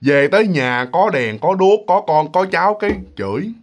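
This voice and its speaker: A man with a Southern Vietnamese accent telling a ghost story in a casual, animated way, often addressing listeners directly. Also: fairly high pitch, moderate pace.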